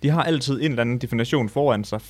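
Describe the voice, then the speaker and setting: Young man, podcast co-host, casual chat, animated, joking, swears a lot. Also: medium pitch.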